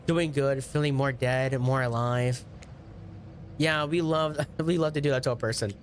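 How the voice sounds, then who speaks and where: A male streamer reacting loudly to a video game, excitable, swearing often and laughing between lines. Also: medium pitch, moderate pace, slight background noise. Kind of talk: live gameplay commentary.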